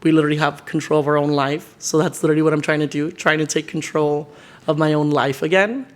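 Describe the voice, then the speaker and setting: A man's voice: a little high, fairly even intonation, quick pace. A 21-year-old man vlogging, chatting casually to camera and venting in a rambling way, with lots of filler words. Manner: rambling and venting, heavy use of "like". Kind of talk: casual sit-down chat to camera. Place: his decorated home.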